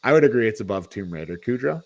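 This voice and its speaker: Talking fast with vocal fry and big pitch swings, a fairly low-voiced man co-hosts a movie review podcast. The panel chat is casual, and he thinks aloud informally, hedging as he goes.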